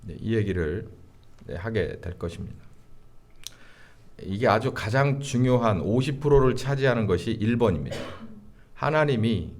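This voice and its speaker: A middle-aged man preaches as a pastor, his voice sitting a little low. He speaks in slow, deliberate phrases and fills the pauses with small filler sounds. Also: darkish tone. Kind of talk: sermon.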